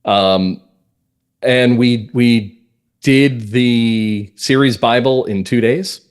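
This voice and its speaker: A man appears as a podcast guest, an audio drama writer and producer, chatting casually and enthusiastically about his creative work through anecdotes. His medium-pitched voice is clean in tone, and he draws out his words.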